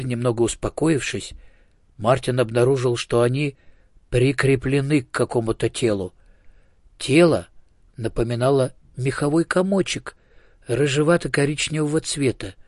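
A man reading a children's story aloud as narrator, in an even, measured way. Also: medium pitch, no room sound, clean studio sound. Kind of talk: audiobook narration.

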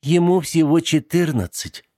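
A man's voice: a little high, unhurried, mellow, no room sound, clean studio sound, voice pushed up, close to an everyday voice. A man voicing a middle-aged mother who firmly defends her son. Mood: firm defensive. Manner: firm, defensive. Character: protective, firm middle-aged vampire mother.

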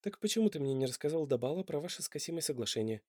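A man's voice: a little high, lively intonation, rapid-fire, darkish tone, no echo, studio quality. A man voicing a spirited, stubborn young woman who answers with indignant, ironic retorts in an audiobook.

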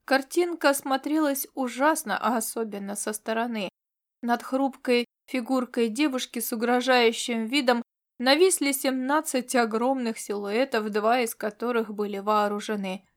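A woman reading a science fiction audiobook in scripted narration, with expressive delivery. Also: fairly high pitch, normal speed.

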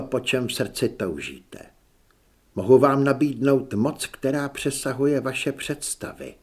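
A male audiobook narrator voicing a bold, cunning young high priestess who speaks in a calm, persuasive way. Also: husky. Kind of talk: audiobook character reading.

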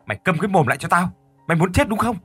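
A hot-headed older brother, played by a male narrator, barking at his sibling in a raised, high voice. The tone is bright and forceful with a breathy edge. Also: expressive, rapid-fire, no room sound, faint music behind, full character voice. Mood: angry. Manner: shouting, gruff.

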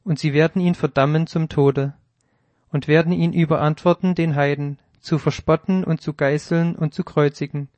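A man reading Jesus, solemn and measured. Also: fairly high pitch, fairly even intonation, a little mellow, dry recording, lightly acted. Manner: measured, solemn archaic phrasing. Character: Jesus, calm grown male teacher. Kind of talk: scripted audio Bible reading.

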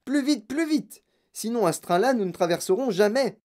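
A storybook reader voicing an eccentric, excitable grown man who makes chocolate and talks in delighted exclamations. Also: medium pitch, moderate pace, pitched above the performer's own voice, lightly acted. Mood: wildly excited.

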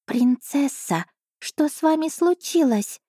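A woman voicing a fierce, protective female cat familiar in an audiobook, speaking high and slow. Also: lively intonation, warm tone, no room sound, studio quality.

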